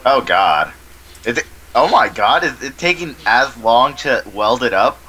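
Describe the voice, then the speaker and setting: A man's voice: mid-range voice, lively intonation, unhurried, pushed and bright, husky, rough recording. A young man co-hosting a casual gaming session, joking and self-deprecating. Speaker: gaming channel co-host.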